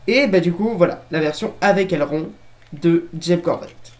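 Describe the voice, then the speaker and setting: A woman's voice: fairly low pitch, normal speed, a little mellow. Chatty woman showing her toy collection. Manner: chatty, addresses viewers as friends, jokey asides. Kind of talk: casual show-and-tell to camera. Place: room at home with a shelf of toys.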